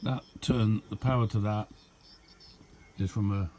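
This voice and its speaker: Showing off a radio he built himself, this hobbyist rambles through an unscripted, understated show-and-tell. He speaks unhurriedly in a lowish, steady, dark voice over a little hiss or hum.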